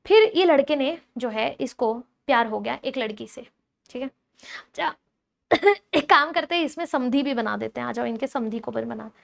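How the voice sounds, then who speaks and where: A woman biology teacher giving a chatty, animated lecture, teasing and quizzing her students directly. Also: sits high, normal speed, vocal fry.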